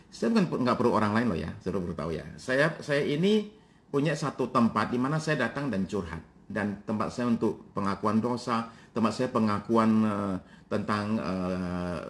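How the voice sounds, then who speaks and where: A man in his fifties, a pastor preaching a sermon, speaking directly to his congregation with frequent pauses and fillers, answering his own questions. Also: lowish voice. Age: 50s. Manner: addresses congregation directly, asks and answers himself.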